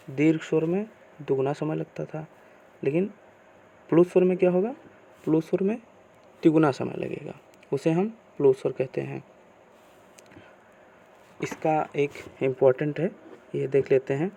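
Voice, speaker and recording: A man teaching a grammar lesson, asking questions and answering them himself in slow, repeated teacherly phrasing. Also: on the high side, creaky, dark tone, muffled recording.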